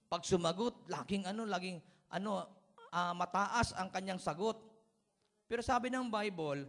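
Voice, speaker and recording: Man preaching with humor, voice a bit high, asks for amens, chuckles through stories. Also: fairly bright tone. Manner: chuckles while telling everyday stories. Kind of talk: sermon.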